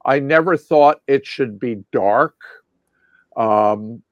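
A man's voice: medium pitch, slow, dry recording. Man recalling the past over a dull, lo-fi line. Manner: rambling, many fillers and restarts. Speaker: guest lighting designer. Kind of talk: casual recollection.

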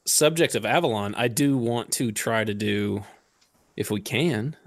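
A man's voice: lowish voice, unhurried, dry recording. A man in his twenties from North Texas, hosting a casual podcast and talking in a loose, joking, profane way. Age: 20s. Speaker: podcast host. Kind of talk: casual group chat.

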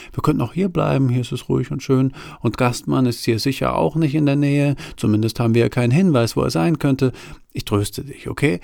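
A man's voice: medium pitch, vocal fry, mellow, no echo, studio quality, natural voice. A man reading aloud, voicing an awkward young man who rambles and stammers. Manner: rambling, stammering, over-earnest.

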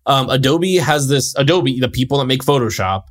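A young man chatting casually on a podcast, rambling through his points with plenty of fillers. His voice sits at an ordinary middle pitch. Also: animated, normal speed. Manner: loose and chatty, lots of fillers. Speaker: podcast co-host. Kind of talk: casual chat.

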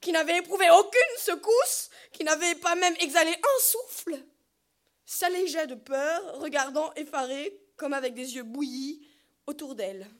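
Lady reading an audiobook real slow, measured, trails off quiet. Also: sits high, expressive. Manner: slow, measured, dropping soft at phrase ends. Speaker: narrator. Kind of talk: audiobook narration of a novel.

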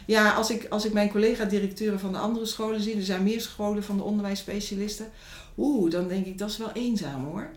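A woman's voice: medium pitch, steady tone, fairly quick, slight background noise. A middle-aged woman, a school director, speaking in an interview in a reflective, hesitant way with many fillers. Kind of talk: interview and reading aloud. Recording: echoey room, faint music.

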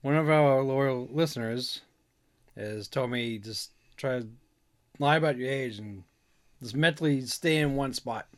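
A woman's voice: rumbling low, a little slow. A woman in her forties hosting a podcast, bantering in a joking, laid-back way. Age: 40s. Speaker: podcast host. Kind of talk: casual chat.

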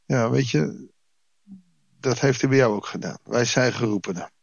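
A male pastor giving a daily Bible devotional, lively, acting out people's excuses in quoted voices. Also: mid-range voice, normal speed, gravelly, lo-fi sound.

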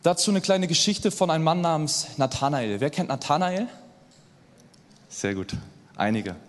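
Young preacher in an echoing hall. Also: male voice, fairly high pitch, moderate pace. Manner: lively, conversational, asks the audience "oder?" often. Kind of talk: sermon. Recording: long hall reverb.

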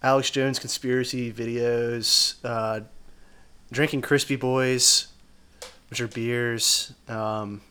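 A man's voice: medium pitch, level tone, takes it slowly, sharp tone, clean tone. A man chatting casually as a podcast guest, crude, joking and self-deprecating. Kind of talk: casual chat.

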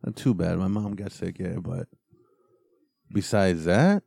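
A man's voice: low voice, unhurried, creaky, dark tone. A man co-hosting a casual podcast, laid-back, laughing often and trailing off mid-sentence. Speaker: podcast co-host.

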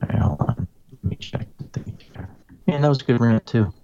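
A man's voice: mid-range voice, animated, brisk, creaky, mellow, lo-fi sound. A man co-hosting a casual online chat over a remote call, his voice garbled and glitchy from a failing connection, blunt and swearing freely. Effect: garbled, glitchy connection audio. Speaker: podcast co-host.

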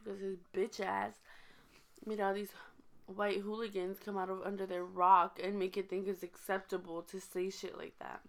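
A woman's voice: mid-range voice, flat delivery, moderate pace. A woman guesting on a casual podcast chat, sassy and slangy, laughing as she talks.

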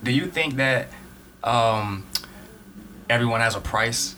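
A man co-hosting a casual podcast chat, relaxed and slangy, quick to laugh. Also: medium pitch, a little hiss or hum. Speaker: co-host.

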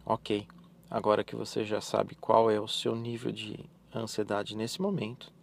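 A soft-spoken man leads a guided relaxation hypnosis, giving slow, soothing, repetitive instructions with pauses. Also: lowish voice, creaky, slight background noise. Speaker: hypnotherapist guiding a relaxation session. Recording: voice over background music. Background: relaxation music.

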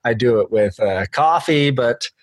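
A man's voice: medium pitch, expressive, unhurried. Laid-back American man hosting a podcast. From Oregon, USA. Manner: laid-back, rambling with fillers. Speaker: podcast host. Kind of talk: casual interview chat. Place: bedroom at home. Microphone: video call.

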